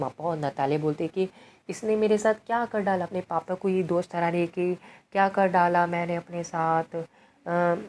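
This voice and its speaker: A woman with a low, mellow voice works through a play like a tutor. She reads each line aloud and then explains it in an easy, conversational way. There is a faint hiss of noise behind her. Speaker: English literature tutor. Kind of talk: explaining a play in Hindi with English quotes.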